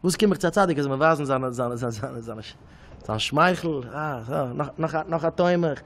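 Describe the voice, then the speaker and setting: A man, a rabbi, giving an animated religious class to young married men, telling stories and repeating phrases for emphasis. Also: fairly high pitch, rapid-fire.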